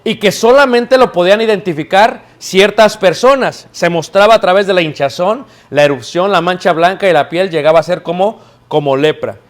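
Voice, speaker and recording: A man preaching to a live congregation in a church, his pitched notably high. He tells stories with energy and keeps tossing questions out to the listeners so they answer back. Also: moderate pace, few pauses. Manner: lively storytelling, calls out questions to the congregation. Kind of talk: sermon.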